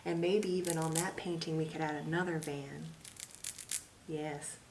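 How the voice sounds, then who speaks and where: A woman doing a soft-spoken ASMR role-play as an easygoing art consultant, musing and hesitant as she talks. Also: low-pitched, steady tone, measured pace. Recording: distant mic, loud noise, typing and clicks. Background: typing, clicking and tapping.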